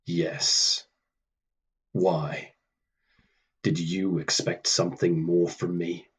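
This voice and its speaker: Male actor as Death, husky low voice, unhurried, stern, formal, dismissive, radio drama. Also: little pitch movement, full character voice. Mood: cold, resolute. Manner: deliberate, formal, cold, dismissive. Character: Death, stern, weary, aloof immortal being, male. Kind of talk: radio play acting.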